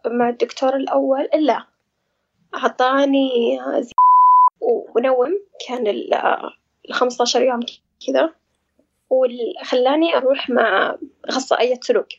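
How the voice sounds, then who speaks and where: A woman, speaking as an interview guest about her own experience, pausing often to search for words. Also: sits high, steady tone, gravelly, slightly rough, dull audio. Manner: hesitant, searching for words, reflective. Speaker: guest sharing personal experience. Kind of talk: casual conversational interview.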